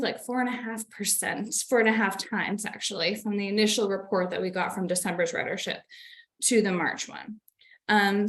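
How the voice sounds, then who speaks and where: A woman giving a presentation in an online meeting, a little out of breath, explaining in an earnest way. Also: medium pitch.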